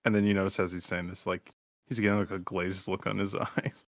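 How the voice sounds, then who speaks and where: A man playing a tabletop role-play game, joking in a deadpan way with hesitant fillers. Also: sits low, a little fast, dry recording, clean studio sound. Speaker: player.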